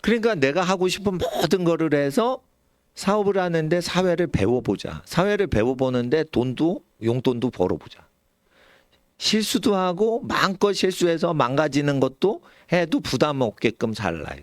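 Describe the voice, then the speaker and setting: A middle-aged man preaching a sermon as pastor, animated, sometimes shouting and sometimes dropping his voice low. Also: moderate pace, dry recording, studio quality. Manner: animated, suddenly shouts or drops low, acts out quoted elders. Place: church sanctuary.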